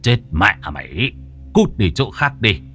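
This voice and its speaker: Man doing a gruff old caretaker. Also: deep voice, animated, slow pace, soft background music, pitched below the performer's own voice. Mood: gruff cursing. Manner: gruff, cursing. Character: older male caretaker, gruff and easily spooked.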